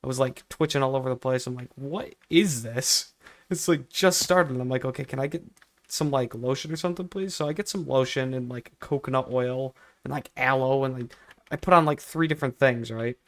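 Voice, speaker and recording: Speaking briskly in a mid-range voice, this young man, a video creator, rambles through a personal story vlog-style. He keeps repeating himself and piles on exaggerated, emphatic complaints.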